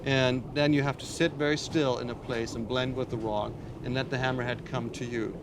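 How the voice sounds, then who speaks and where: A man's voice: medium pitch, steady tone, a little fast, noisy background. A man in a documentary interview explaining a technique step by step. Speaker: diver interviewee.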